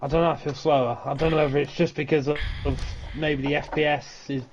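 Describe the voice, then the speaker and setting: A man's voice: on the high side, level tone, fast talker. A man, a racing driver guest, talking hesitantly and self-doubtingly in casual chat on the commentary. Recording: dull lo-fi mic with clear background noise.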